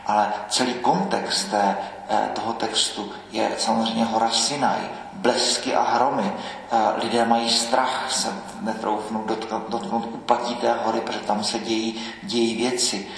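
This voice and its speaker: A man giving a measured, reflective sermon as a priest, often pausing with hesitations. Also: fairly low pitch, fairly bright tone. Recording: echoey church hall, faint ambience.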